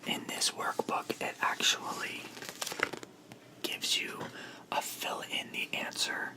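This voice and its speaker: A person in a whispered role-play as a librarian, speaking in a soft, breathy library whisper with polite, reassuring customer-service phrasing. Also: takes it slowly, rough recording. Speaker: book club librarian helping a customer, role-played.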